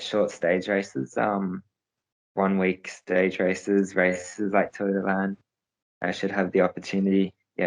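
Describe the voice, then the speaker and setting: A man's voice: low voice, poor audio. A young man, a professional cyclist, answering interview questions in a hesitant way, with many fillers and restarts.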